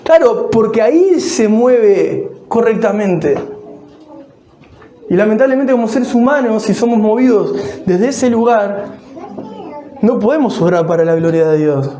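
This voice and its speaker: Male pastor, Rioplatense accent, warm dark tone, emphatic sermon full of rhetorical questions, big church reverb. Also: high voice, lively intonation, unhurried. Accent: Rioplatense Spanish. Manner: emphatic, repetitive, asks the congregation rhetorical questions. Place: church sanctuary. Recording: echoey church hall.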